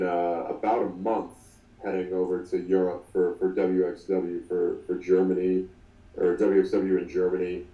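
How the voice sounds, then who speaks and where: A man's voice: low voice, dark tone, echoey room, far from the mic, muffled recording. A man in his twenties talking through an interview as the guest, often restarting and filling with ums. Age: 20s. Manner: halting, many restarts and fillers. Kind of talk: casual interview.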